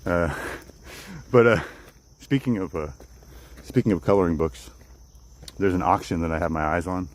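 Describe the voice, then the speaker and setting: Deep-voiced man livestreaming outdoors. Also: normal speed. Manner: rambling, repeats and restarts phrases. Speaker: livestreamer hosting a walk and talk. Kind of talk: casual livestream chat with viewers. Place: outdoors on a walk in the woods. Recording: outdoor noise with insects and nature sounds. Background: crickets, outdoor nature ambience.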